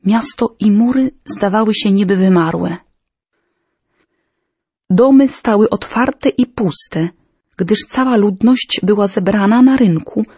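A woman reading a historical story aloud in a measured, solemn, dramatic manner. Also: medium pitch, warm tone, breathy edge, no room sound. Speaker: narrator. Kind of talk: storybook narration.

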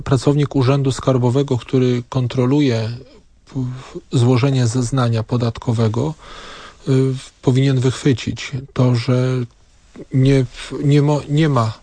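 A man giving a formal expert explanation on radio, halting as he searches for words. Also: medium pitch, dark tone, no room sound. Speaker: studio expert on tax rules.

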